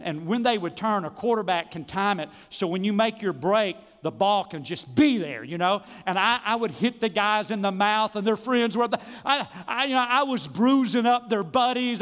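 Pastor, high-pitched, lively storytelling sermon, long hall reverb. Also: male voice. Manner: animated storytelling, swinging from loud to hushed.

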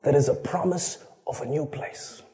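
Speaking at a moderate pace in a fairly high, dark-toned voice, the pastor, a native Tamil speaker from Chennai with an Indian accent, preaches earnestly through a personal story. He often restarts phrases, repeating the words they begin with.

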